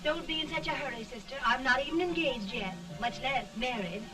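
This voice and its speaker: Actress as a high-voiced, self-assured belle, early talkie. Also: female voice, brisk, recorded from a distance, close to an everyday voice. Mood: self-assured, coy. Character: self-assured, coquettish young society belle. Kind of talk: early talkie film acting. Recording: 1930 film soundtrack with music behind.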